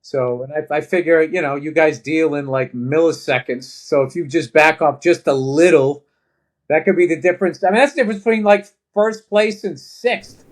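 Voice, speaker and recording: A man's voice: on the high side, moderate pace. A man on a podcast asking curious questions in a casual way.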